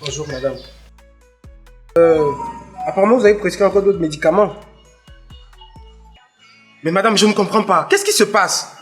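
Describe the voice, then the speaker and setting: A man's voice: high-pitched, normal speed, pauses often, soft background music, natural voice. A man with a Cameroonian French accent playing a young son who insistently confronts hospital staff. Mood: impatient. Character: impatient young adult son, demanding answers. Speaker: son of the patient.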